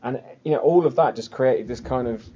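A man's voice: mid-range voice, fairly quick, mellow, husky. A man from southern England with a Home Counties accent, chatting casually and ramblingly as a podcast host. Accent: Home Counties English. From southern England, Surrey and the Cotswolds. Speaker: football fan podcast host. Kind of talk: casual chat. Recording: slightly dull, lo-fi sound.

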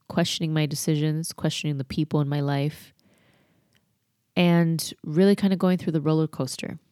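A woman's voice: deep voice, darkish tone, no room sound, studio quality. A woman hosting a solo podcast, rambling in a candid, reflective way as she thinks aloud. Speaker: podcast host.

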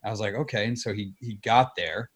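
A man's voice: lowish voice, a little fast. A man in casual conversation, telling things in an informal, anecdotal way. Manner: acts out quoted dialogue when telling stories.

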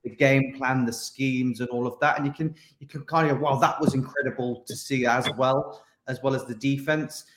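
Guy, mid pitch, echoey room, eager long-winded chat. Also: fairly even intonation, normal speed, a bit bright. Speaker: podcast co-host. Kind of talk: casual chat. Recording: roomy echo.

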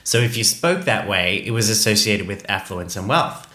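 Animated man chatting in an echoey room. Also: normal speed. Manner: animated, laughs often, jumps into high pitch when excited. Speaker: podcast co-host. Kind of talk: casual chat.

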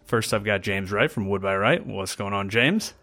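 A man hosting a craft podcast, talking in a relaxed, rambling way with plenty of fillers. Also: lowish voice, moderate pace. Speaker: podcast host. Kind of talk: casual podcast chat.

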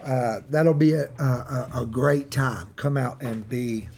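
A man's voice: mid-range voice, measured pace, a little mellow, husky. A man with an Appalachian accent giving an informal devotional talk as a Bible teacher, in a folksy, plain-spoken way. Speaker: Bible teacher and church host.

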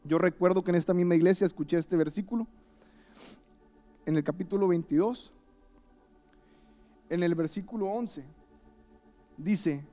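Preacher, male, high-pitched, warm mellow tone, impassioned sermon delivery. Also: normal speed, pauses often, soft background music. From Mexico. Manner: impassioned, shifts between loud emphasis and hushed asides. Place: church.

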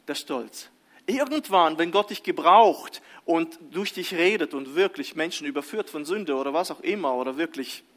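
Guy preaching a sermon, kinda high voice, animated, restarts sentences a lot. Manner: animated, restarts mid-sentence, asks the congregation "Amen?". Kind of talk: sermon with scripture reading.

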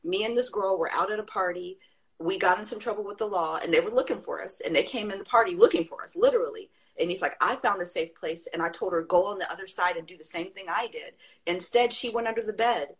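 A woman's voice: medium pitch, fast talker. A woman talking passionately in a casual conversation, telling stories and laughing as she makes her point. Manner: passionate, animated storytelling with laughs. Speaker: guest.

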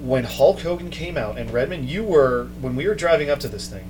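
A man hosting a casual chat, telling a story with mounting excitement. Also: on the high side, brisk, noisy background. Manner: excited storytelling, quoting others in raised voice. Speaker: podcast host.

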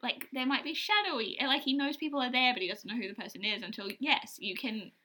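A woman's voice: high voice, fast talker, sharp tone. A woman co-hosting a podcast in casual chat, a chatty and rambling storyteller. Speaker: podcast co-host.

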